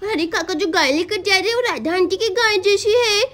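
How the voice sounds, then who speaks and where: A woman voicing a bright, curious little girl who speaks chirpily and stretches her words in a cartoon story. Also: very high-pitched, moderate pace. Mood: chirpy.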